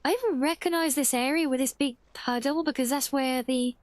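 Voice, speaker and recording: Female streamer, high-pitched, chatty and rambling, casual gameplay talk. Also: brisk, no echo. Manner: chatty, rambling, thinking aloud. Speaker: game streamer.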